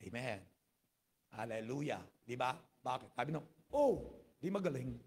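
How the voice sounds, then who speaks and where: Filipino male pastor, husky and raspy, lively church sermon with constant amens. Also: medium pitch, normal speed. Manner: peppers every phrase with hallelujah and amen, mixes English into Filipino.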